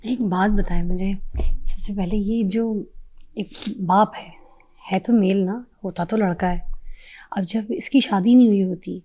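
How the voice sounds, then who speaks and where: Female host, Pakistani Urdu accent, gentle emotional interviewer. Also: medium pitch. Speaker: talk show host.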